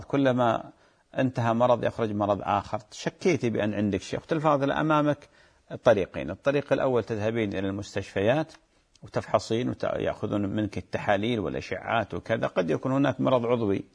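A man, a sheikh reading listeners' questions and giving measured religious advice, turning emphatic when he warns. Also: lowish voice, gravelly. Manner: calm, measured, advising, grows emphatic when warning. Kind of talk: reading and answering fatwa questions.

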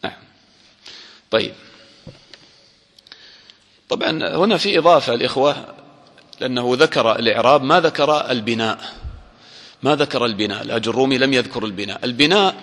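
A man teaching a grammar lesson to a class, quizzing listeners with short questions and drawing out example words slowly. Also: medium pitch, lively intonation, fairly bright tone. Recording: long hall reverb.

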